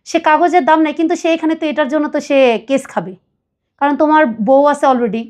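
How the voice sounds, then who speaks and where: High-voiced woman telling a painful story. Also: moderate pace, darkish tone. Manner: earnest, pleading, quotes others at length. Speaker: guest telling her life story. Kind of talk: emotional personal confession.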